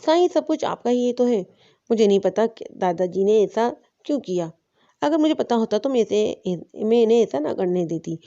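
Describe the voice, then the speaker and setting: A woman's voice: a little high, animated, mellow, muffled recording. A woman voicing a naive young wife answering her husband meekly. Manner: meek, submissive.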